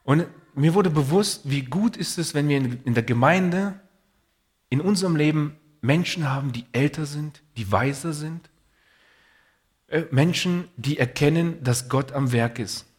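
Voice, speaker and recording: Husky preacher telling a story. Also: male voice, on the high side, measured pace. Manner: earnest, personal storytelling with Bible readings. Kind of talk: sermon.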